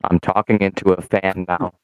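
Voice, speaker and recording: A low-voiced man speaks straight into a spinning electric fan, and the blades chop his voice into a warbling flutter. He talks slowly and playfully. The sound is smooth and dry, close to the mic. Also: little pitch movement, no room sound, rough recording. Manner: playful, giggly. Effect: voice choppy from talking into a spinning fan. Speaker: podcast co-host. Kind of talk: casual joking chat.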